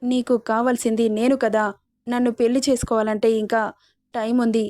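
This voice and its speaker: Defiant young woman student, read by a woman narrator; firm, even-toned, higher voice, dry. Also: brisk, no echo, lightly acted. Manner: firm, pleading.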